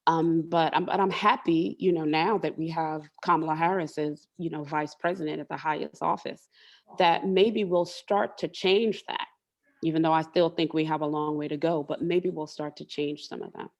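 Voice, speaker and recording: A low-voiced woman from the Southern United States, a tech leader and coach appearing as an interview guest, explains things earnestly in a candid interview conversation. She keeps a steady tone at normal speed and repeats words while she thinks.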